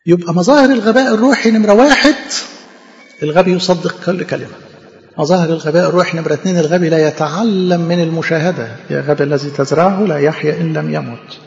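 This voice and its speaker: An Egyptian man preaches a sermon with animated, teasing repetition and rhetorical questions. His voice is high, quick and gravelly. The recording is dull and lo-fi, with a long echo filling the church hall. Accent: Egyptian Arabic.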